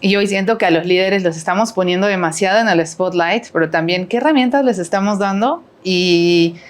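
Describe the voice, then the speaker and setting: Fillers and tag questions run through the rambling answers of a middle-aged woman, a podcast guest with a Mexican Spanish accent, in a relaxed conversational interview. She talks at a medium pitch and a fairly quick pace.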